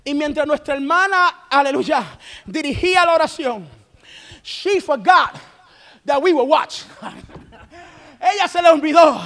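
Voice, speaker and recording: A man preaching a fervent sermon with interpretation, breaking into shouts and frequent hallelujahs. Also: extremely high pitch.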